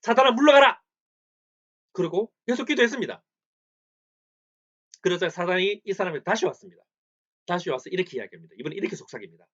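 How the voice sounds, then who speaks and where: A man's voice: high-pitched, expressive, fast talker, pauses often, a bit bright. A male pastor preaching a sermon in church, asking the congregation questions, answering them himself and repeating phrases for emphasis. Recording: slightly dull lo-fi recording.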